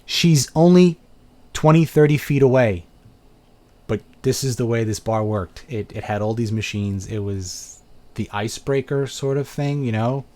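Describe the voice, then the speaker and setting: A middle-aged Brooklyn man with a New York accent hosts a live video chat on his webcam, answering viewer questions. His mid-range voice is darkish and his pace measured, while his manner is chatty and rambling, full of fillers as he thinks aloud.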